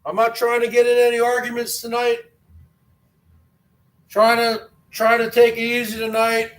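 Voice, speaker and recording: A man in his forties with a stutter airs a grievance to his live stream viewers in a very high-pitched, monotone voice at normal speed. He sounds aggrieved and keeps repeating himself.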